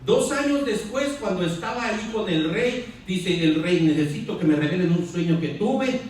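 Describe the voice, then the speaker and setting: A high-voiced man preaching in an echoing hall. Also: animated, moderate pace, darkish tone. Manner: dramatic retelling, acting out quoted lines. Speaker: pastor. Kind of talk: sermon. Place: church hall. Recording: echoey hall, mic from a distance.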